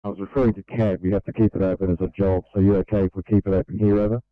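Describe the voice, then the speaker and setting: A man's voice: low voice, flat delivery, very fast, no room sound. A man working as an emergency radio operator, talking procedurally over a walkie-talkie. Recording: thin narrow-band two-way radio.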